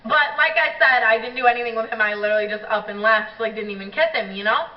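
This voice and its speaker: A young adult woman YouTuber telling a story in a casual vlog, animated and profane, with constant filler words. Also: fairly high pitch, quick pace. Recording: echoey room, distant dull mic.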